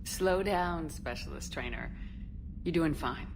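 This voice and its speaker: A woman's voice: low voice, unhurried, background noise. An actress playing a tough, decisive female military commander in a video game, speaking bluntly and with composure. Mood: composed. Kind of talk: video game character dialogue.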